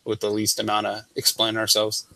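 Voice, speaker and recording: A man chats as a player at a tabletop game. His voice is very bright and cutting, with a gravelly fry running through it. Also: on the low side, monotone, fairly quick, no echo, rough recording. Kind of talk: casual tabletop game chat.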